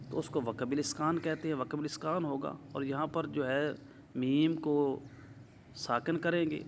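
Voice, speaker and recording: A man teaching the rules of Quran recitation in a methodical lesson, explaining step by step and slowly drawing out example words. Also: a little high, gravelly, a bit bright, slight background noise. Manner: drawn-out slow demonstrations of recited words. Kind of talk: tajweed lesson.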